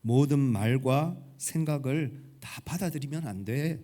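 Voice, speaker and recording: A man voicing a kind angel in a sermon story, speaking gently and encouragingly. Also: mid-range voice, a little slow, natural voice. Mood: reassuring.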